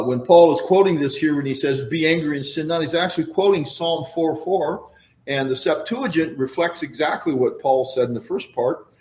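A man's voice: a little high, echoey room. A man preaching a sermon in a conversational, folksy way, full of asides and explanations. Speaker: pastor.

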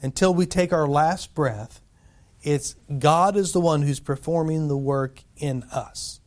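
A man's voice: on the high side, unhurried, darkish tone. A man preaching a sermon in a conversational way, often asking "right?" and chuckling between points. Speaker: pastor.

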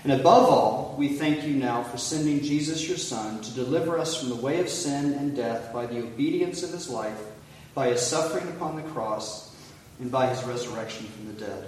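A man's voice: medium pitch, a little mellow. Male pastor, liturgical reading, cathedral echo with long reverb, distant mic, faint hiss. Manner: measured, solemn prayer recitation. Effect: heavy cathedral-like echo. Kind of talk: leading a communion liturgy. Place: large church sanctuary. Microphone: far from the mic. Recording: echoey hall from far off, faint hiss.

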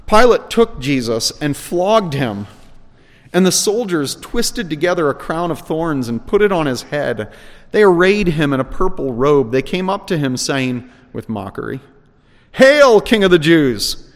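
A man's voice: on the high side, expressive, unhurried. A man preaching an expository sermon, reading scripture verses aloud with emphatic quotes and then explaining them. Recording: reverberant hall.

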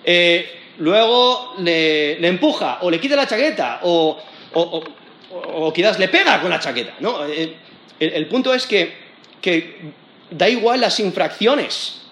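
A man's voice: high-pitched, sing-song, measured pace, fairly bright tone, roomy sound, slight background noise. A man with a Spain Spanish accent preaching an expository sermon in a conversational way, with frequent restarts and tag questions.

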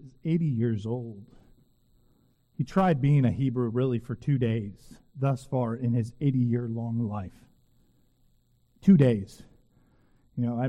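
Mellow-voiced male preacher in a reverberant church. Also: mid-range voice. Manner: earnest preaching with slow, emphatic repetition. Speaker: pastor. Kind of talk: sermon. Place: church sanctuary. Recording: long reverb of a church hall.

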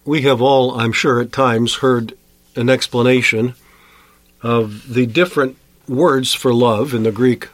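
A man preaching a sermon as a pastor, emphatic, with sharp rises in pitch on key words. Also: no room sound.

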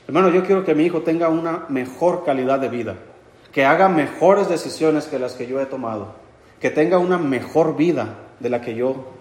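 A man's voice: on the high side, darkish tone, roomy sound. A man preaching a sermon to his church, calling the congregation brothers and stressing key phrases.

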